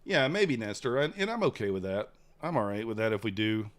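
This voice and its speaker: A man with a lowish voice hosts a live trading stream, talking briskly in casual chat. He's relaxed and rambling, reading chat messages aloud and responding to them.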